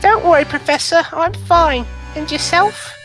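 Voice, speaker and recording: A woman's voice: very high voice, unhurried, rough recording. A woman voicing an eager, nervous young boy apprentice in a boyish voice, in an amateur video game dub. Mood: curious. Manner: boyish put-on voice. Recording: loud game music behind.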